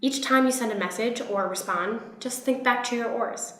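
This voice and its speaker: A woman giving peer support training in a gentle, encouraging instructional tone. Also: on the high side, moderate pace. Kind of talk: instructional narration. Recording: roomy echo.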